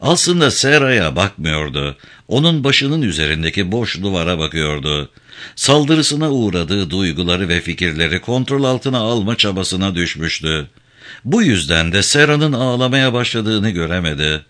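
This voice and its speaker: A man narrating an audiobook in an expressive, dramatic reading style. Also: sits low, moderate pace. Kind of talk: storybook narration.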